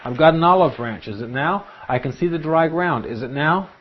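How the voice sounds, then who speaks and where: Noah, an eager old patriarch as a Bible teacher puts him on, calls out question after question in a lifted, husky voice. He sounds keen and expectant. The recording is dull and lo-fi. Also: a little high, expressive, normal speed, voice pushed up. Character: Noah, eager old man watching for God's signal.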